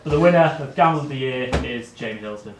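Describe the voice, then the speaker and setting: A man reads award nominations with dry, crude quips, at a middle pitch. He is heard from a distance in an echoey room, and clear background noise runs under his voice. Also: lively intonation, fast talker. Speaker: awards presenter. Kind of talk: reading out nominations with jokes.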